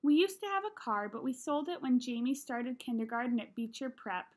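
A woman in her thirties reads a children's novel aloud into her computer's microphone in a small room at home. Her voice is high and a little fast, and she reads expressively, getting especially animated in the dialogue.

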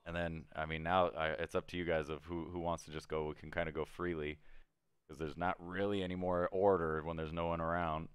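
Low-voiced man running the game. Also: little pitch movement, brisk, clean tone, no room sound. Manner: loose, hesitant narration with many restarts. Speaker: dungeon master. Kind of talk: running a tabletop game over a call.

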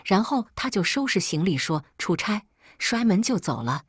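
A woman telling a first-person story in calm, steady scripted narration. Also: mid-range voice, moderate pace, slightly rough, no echo, studio quality.

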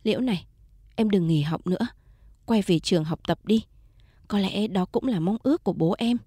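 Caring successful man voiced by a woman, gentle, reassuring, warm mellow tone, storybook. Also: mid-range voice, moderate pace, slightly rough, no echo, studio quality, close to an everyday voice.

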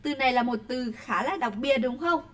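High-voiced Vietnamese woman teaching English. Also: moderate pace, a bit bright. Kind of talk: online class teaching.

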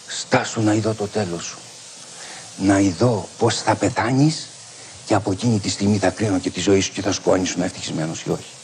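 A man voicing a calm, wise old sage who speaks gravely and slowly, with a husky voice. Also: mid-range voice, slight background noise, natural voice. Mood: solemn. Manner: slow, grave and measured.

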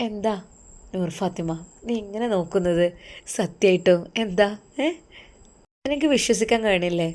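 A woman's voice: mid-range voice, normal speed, pauses often, darkish tone, close to an everyday voice. A woman voicing an affectionate young husband, a religious teacher, who talks tenderly and teases, with a Malabar Malayalam accent. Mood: tender teasing. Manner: tender and teasing.

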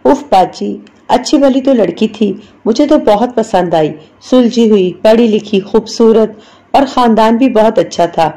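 Woman reader voicing gentle patient sister, mild and reasoning, mellow voice. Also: on the high side, lightly acted.

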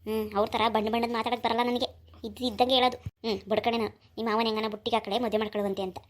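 Woman doing a bitter village mom, high voice, rattles off her complaints. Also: flat delivery, very fast, lightly acted. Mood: grumbling. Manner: bitter, grumbling, sarcastic. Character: sharp-tongued jealous village mother. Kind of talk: cartoon voice acting.

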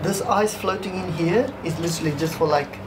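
A man's voice: high-pitched, fairly quick. A young man talking casually as a host and coach, recorded outdoors a little way from the camera. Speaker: host coaching a guest through an ice bath. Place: outdoor covered backyard patio. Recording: outdoor background noise, distant mic.

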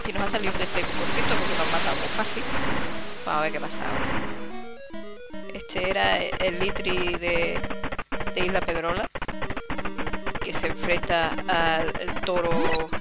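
Spanish-accented gamer talking over loud music. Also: mid-range voice. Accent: Spanish from Spain. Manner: chatty, swears freely, cheers the game on with shouts. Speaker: game commentator. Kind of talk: casual gameplay commentary. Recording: loud background game music.

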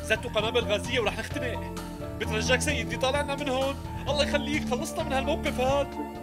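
An actor playing a frightened passenger trapped in a burning bus, pleading for help with a Syrian Arabic accent. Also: male voice, very high-pitched, steady tone, fast talker, loud music behind the voice. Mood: panicked. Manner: panicked pleading. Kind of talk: television drama acting.

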